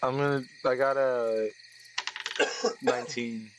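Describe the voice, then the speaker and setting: A man's voice: medium pitch, steady tone, takes it slowly, background noise. A man talking casually as a player in a tabletop role-playing game, partly in character.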